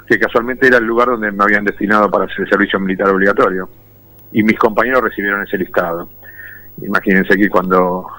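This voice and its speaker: A man's voice: lowish voice, sharp tone, no echo, rough recording. A man in his fifties from Argentina, a war veteran telling his own story in an interview in a reflective, storytelling way. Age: 50s. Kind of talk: personal testimony in an interview.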